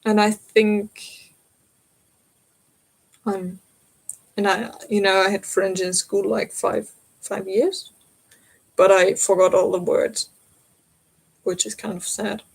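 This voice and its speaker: A woman's voice: medium pitch, flat delivery, slow pace, creaky, long pauses, slightly rough, rough recording. A young woman in her twenties with a German accent, chatting casually and giggling as she hosts a live crafting stream from home. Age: 20s. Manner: chatty, giggly, answers chat comments. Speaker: crafting livestream host.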